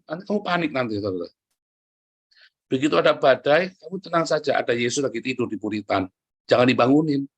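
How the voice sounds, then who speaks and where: A man preaching a sermon, lively and joking, often turning to address the congregation directly. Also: fairly high pitch. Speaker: pastor.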